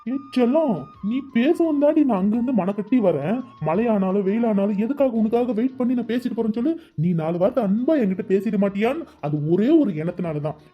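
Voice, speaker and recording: A doting young man in a cartoon who coaxes his sweetheart with affection. His pitch is mid-range but swings widely, the audio is slightly dull, and faint music sits behind him. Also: expressive, brisk. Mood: coaxing. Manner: affectionate, coaxing. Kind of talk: cartoon voice acting.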